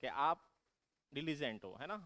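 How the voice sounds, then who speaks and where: A man's voice: on the high side, animated, measured pace, pushed and bright, no echo. A man teaching exam vocabulary who keeps asking his students questions and then answering them himself, calling them "beta". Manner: repetitive, drilling explanation. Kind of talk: vocabulary lesson for exam prep.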